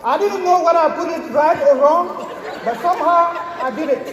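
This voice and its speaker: Very high-voiced man giving a fiery speech. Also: fairly quick, crowd noise. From Germany. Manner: emphatic, repeats rhetorical questions. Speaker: motivational stage speaker. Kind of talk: energetic motivational speech. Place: large event hall stage. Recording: echoey event hall, audience noise.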